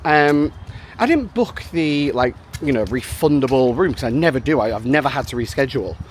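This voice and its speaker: A Manchester business founder, a man with a medium-pitched voice and lively intonation, chats casually to camera at a moderate pace in a vlog, rambling and sprinkling in plenty of "um" and "like." There's slight background noise.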